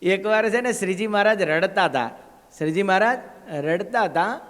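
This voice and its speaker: Swami preaching, high voice, reverberant hall. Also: male voice, moderate pace, a bit bright. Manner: conversational storytelling, asks the crowd "હા?". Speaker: swami giving a temple discourse. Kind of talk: devotional sermon. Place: temple gathering.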